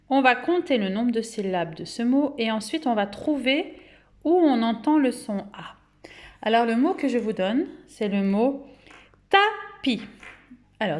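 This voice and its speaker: A woman with a French accent giving a phonics lesson to young children at home, speaking patiently and clearly and drawing out each word's syllables. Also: fairly high pitch. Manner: slow, clear, patient, syllables drawn out and repeated. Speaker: kindergarten teacher.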